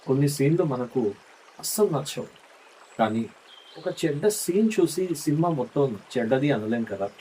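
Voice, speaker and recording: A man's voice: mid-range voice, animated, normal speed, dark tone, a little hiss or hum. A middle-aged man delivering a scripted, heartfelt monologue as a husband speaking tenderly and intimately to his wife. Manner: tender, intimate, coaxing tone addressed to a spouse.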